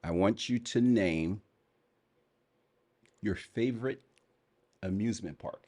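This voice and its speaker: A middle-aged man co-hosting a casual chat show, playful and quick to laugh. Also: lowish voice. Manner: playful, animated, laughs often. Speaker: co-host.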